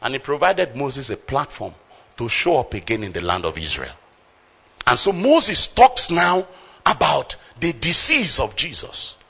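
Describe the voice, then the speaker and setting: A male preacher delivers an emphatic sermon in a slightly high, bright, forceful voice with a husky edge. His pitch leaps and falls dramatically as he drives home each point. He keeps turning to the congregation to check that they are following.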